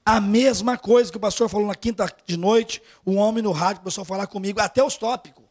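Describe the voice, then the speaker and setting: A man with a Brazilian Portuguese accent preaching a storytelling sermon at a church service, swinging from hushed asides to loud urging. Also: sits high, fast.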